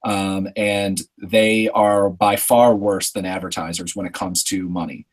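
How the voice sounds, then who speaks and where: A man's voice: sits low, level tone, a little slow, low-quality recording. A man, a longtime journalist, speaking on a discussion panel in a conversational way and arguing his points at length.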